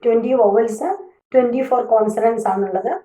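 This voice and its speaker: A woman with a fairly high, mellow voice teaches a lesson. She reads each rule out slowly, then explains it patiently. The room around her rings with echo. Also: fairly even intonation. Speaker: English teacher. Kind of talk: explanatory lesson, mixing two languages. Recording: echoey room.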